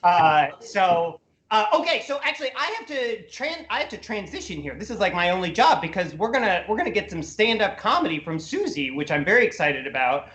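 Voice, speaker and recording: A man's voice: high-pitched, very animated, fairly bright tone. Chatty host man, roomy echo. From Minnesota. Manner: upbeat, chatty, halting with fillers. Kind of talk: hosting a comedy panel. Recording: roomy echoey sound.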